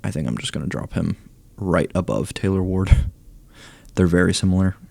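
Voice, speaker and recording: Deep gravelly young man, hoarse. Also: animated, moderate pace, a little mellow. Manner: low-key, thinking aloud, reading stats. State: losing his voice, hoarse. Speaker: gaming YouTuber ranking cards. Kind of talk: casual commentary.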